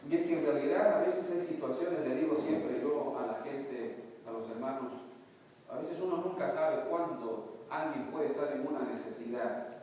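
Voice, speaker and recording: A man's voice: mid-range voice, normal speed, a little hiss or hum. Echoey preaching man from afar. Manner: storytelling preacher, building to loud emphatic passages. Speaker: pastor. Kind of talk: sermon. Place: church. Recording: echoey church hall, mic far off.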